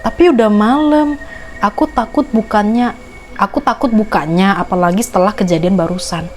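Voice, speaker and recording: A woman's voice: medium pitch, normal speed, faint music behind, lightly acted. A woman reading the chat lines of a frightened young wife who is alone at night, anxious and pleading.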